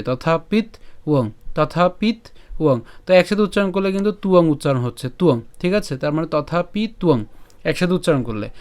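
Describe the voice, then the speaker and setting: A man leads an online recitation lesson, chanting verse lines slowly and deliberately before explaining pronunciation piece by piece. His voice is smooth and resonant, pitched a bit above the usual male range. He sounds close to the mic. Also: darkish tone. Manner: slow, drawn-out chanting of verse, then explaining pronunciation step by step. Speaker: Sanskrit recitation teacher.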